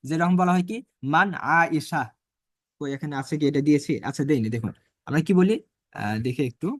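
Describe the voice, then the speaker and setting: A man teaching an online Arabic grammar class, asking himself rhetorical questions and reading Arabic phrases slowly. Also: fairly high pitch, expressive, no echo, clean studio sound.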